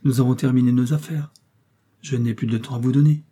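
A man reading the lines of a proud, calm young princess, speaking with cool, polite reserve. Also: medium pitch, a little fast, breathy edge, natural voice.

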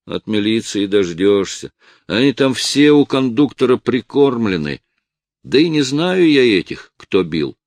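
A man's voice: mid-range voice, no room sound. A man voicing a badly beaten young man who speaks weakly, groaning and pleading, bitter about his attackers. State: in pain, weak.

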